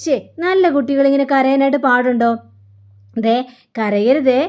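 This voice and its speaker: A woman voicing an older grandmother from a TV serial who gently coaxes a child to eat. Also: high voice, measured pace. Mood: coaxing. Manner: coaxing, gentle.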